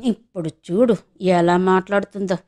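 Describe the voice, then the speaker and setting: A woman voicing a scheming elderly mother who talks in a slow, knowing, insinuating way in an audio novel. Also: mid-range voice, steady tone, dark tone, voice pushed down, close to an everyday voice. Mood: sly. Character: scheming elderly village mother, sly and blunt.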